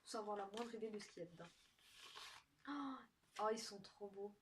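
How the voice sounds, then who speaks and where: A young woman chatting casually to camera as she opens gifts, soft-spoken and giggly, thinking aloud. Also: medium pitch, brisk. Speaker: vlogger opening gifts. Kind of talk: casual unboxing chat to camera. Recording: distant mic with faint noise.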